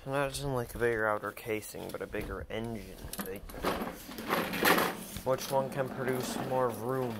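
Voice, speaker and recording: Guy doing a casual monotone vlog outside, flat word stress, mid pitch, really loud noise behind him. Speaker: vlog host. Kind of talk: casual first-person vlog narration. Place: outdoors in a yard. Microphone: handheld camera or phone mic. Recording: loud outdoor engine noise, clicks, handheld.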